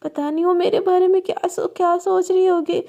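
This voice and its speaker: A bashful young woman who scolds and fusses in a very high voice, as a woman storyteller puts her on. Her tone is soft and mellow, never harsh, even while she pushes her partner away in a Hindi storybook-style tale. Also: a little fast, vocal fry. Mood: scolding. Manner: scolding, bossy.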